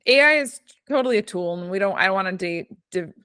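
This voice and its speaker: Bright-voiced woman podcast host. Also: medium pitch, animated, fast, smooth, dry recording. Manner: affirming, thinks aloud while searching for words. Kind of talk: casual podcast conversation.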